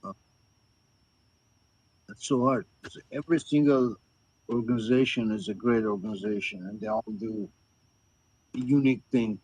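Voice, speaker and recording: A man's voice: on the low side, normal speed, long pauses, darkish tone, husky, dry recording, low-quality recording. A man on a committee video call whose connection keeps cutting out, clipping his word endings as he speaks hesitantly. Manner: hesitant, weighs his words with fillers. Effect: connection cutting out, choppy with clipped word endings. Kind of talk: public meeting discussion.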